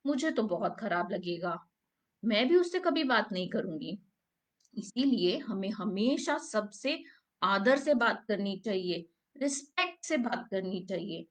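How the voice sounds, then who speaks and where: A woman teacher telling a story to young children, gently asking them questions along the way. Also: medium pitch, lively intonation, a little slow. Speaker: preschool teacher.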